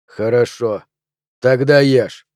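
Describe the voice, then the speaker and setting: A man voicing a hot-tempered armed bounty hunter who threatens slowly and loudly. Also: mid-range voice, no echo, clean studio sound, natural voice. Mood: menacing. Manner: gruff, threatening, slow and loud.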